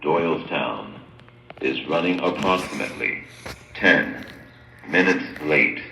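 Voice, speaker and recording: A man giving a slow, measured public address announcement over a train station loudspeaker. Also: a bass voice, animated, gravelly. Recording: echoey distant loudspeaker with background noise.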